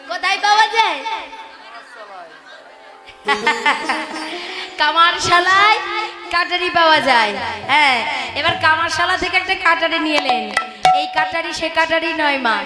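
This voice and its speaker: A woman kirtan singer and preacher who leads call-and-response chanting at a village gathering and coaxes the crowd with questions. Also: very high-pitched. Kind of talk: devotional kirtan singing with preaching. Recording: loud tabla and harmonium music behind.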